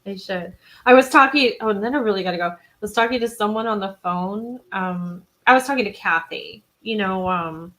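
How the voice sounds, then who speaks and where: A woman's voice: mid-range voice, a little fast, pushed and bright, poor audio. A woman co-hosting a live true-crime podcast, chatting casually and rambling with frequent laughs. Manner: rambling, giggly, self-deprecating. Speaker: podcast co-host. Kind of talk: casual live-stream chat.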